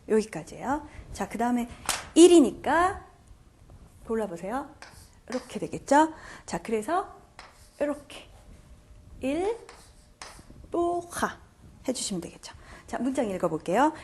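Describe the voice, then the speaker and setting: A woman's voice: a little high, darkish tone, breathy edge. A woman teaching French grammar in Korean, patiently walking through each step and quizzing her viewers. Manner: patient, repeats "자" to pace steps, quizzes viewers. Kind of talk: classroom grammar lecture.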